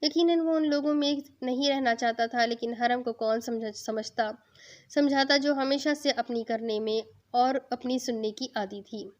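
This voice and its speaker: A woman reading a romance novel aloud in a steady storytelling manner. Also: a little high. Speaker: novel reader. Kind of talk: Urdu novel narration. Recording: dull lo-fi.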